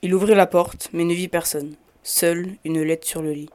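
A woman reading fairy-tale narration in a measured storytelling manner. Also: fairly low pitch, fairly even intonation, a little mellow.

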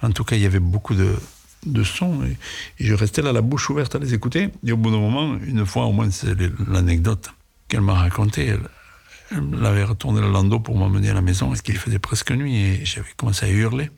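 A man recalling childhood memories in a reflective, hesitant way, with halting phrases, for a sound documentary. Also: on the low side, vocal fry, darkish tone, breathy edge. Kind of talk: personal reminiscence.

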